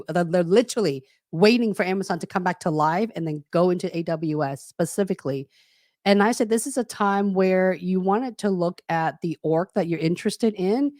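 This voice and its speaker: Frank, animated woman career coach. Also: medium pitch, no echo, clean studio sound. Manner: frank, animated, calls out listeners. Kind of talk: casual webinar talk.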